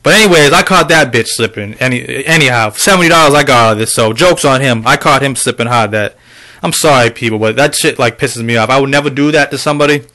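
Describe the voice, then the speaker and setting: A man's voice: mid-range voice, fast, sharp tone. A man vlogging about a game haul, telling a rambling, profane story to his viewers with lots of fillers. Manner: addresses viewers directly. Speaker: video game collector vlogger. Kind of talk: casual ranting vlog.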